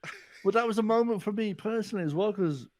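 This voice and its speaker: Quick-paced and high-voiced, a man in his forties appears as a guest author in an informal podcast chat. He narrates animatedly, acting out the things people told him.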